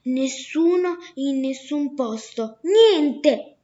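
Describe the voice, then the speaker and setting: A woman voicing a loud, greedy merchant. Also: sits high, expressive, slow, dull audio. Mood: shouting. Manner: loud and accusing. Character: greedy suspicious male merchant. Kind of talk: storybook reading.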